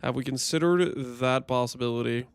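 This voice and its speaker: A man's voice: mid-range voice, moderate pace, clean tone, no room sound. A man on a livestream headset mic, chatting and joking as he thinks aloud through gameplay commentary.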